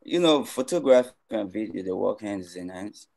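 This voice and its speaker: A man with a Nigerian accent, a video director recounting his career in a relaxed, conversational way over a video call. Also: on the low side, normal speed, creaky. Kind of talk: casual interview answers.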